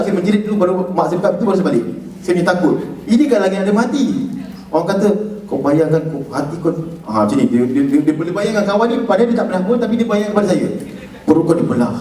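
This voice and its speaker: A middle-aged Malaysian man jokes and teases his audience through a public talk. His voice sits fairly high and mellow. It carries through an echoey lecture hall, picked up from some distance with a faint hum of the room. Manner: jokey, teasing the audience. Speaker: liver transplant recipient speaker.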